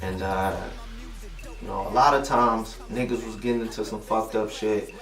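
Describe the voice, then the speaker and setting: Talking easygoing and slangy, the interviewed rapper, a young man from Detroit, keeps checking "you know what I mean." His voice sits on the low side, a bit bright, with a steady tone and moderate pace, recorded roomy on a distant mic with music underneath.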